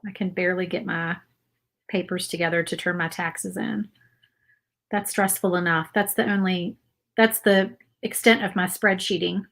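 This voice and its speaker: A woman from Virginia with an Appalachian accent paints during a craft livestream, chatting and rambling casually to viewers and reading their comments aloud. Her lowish voice is steady, creaky and a bit bright, at a moderate pace.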